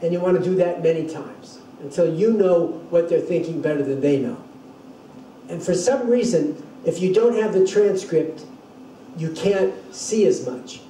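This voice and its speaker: A man's voice: fairly high pitch, normal speed, warm tone, slight background noise. An older man giving a university lecture, explaining things thoughtfully and often restarting his sentences. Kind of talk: classroom lecture. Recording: echoey room, distant mic.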